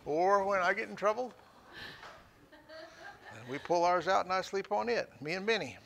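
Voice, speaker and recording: Hosting an auction show from a small studio room with items on sale, an older man gives a casual on-air pitch full of folksy jokes. He has a high, fairly bright voice with vocal fry and speaks at a moderate pace, though the audio is poor with a little hiss or hum.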